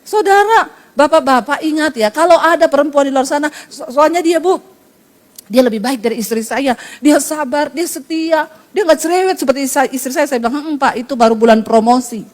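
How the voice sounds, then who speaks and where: High-pitched lady pastor giving a sermon, dramatic storyteller, teases the congregation a lot. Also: brisk. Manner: dramatic storytelling, teasing, calls the congregation "saudara"; acts out quoted dialogue with jumps in pitch. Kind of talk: lively Pentecostal-style sermon.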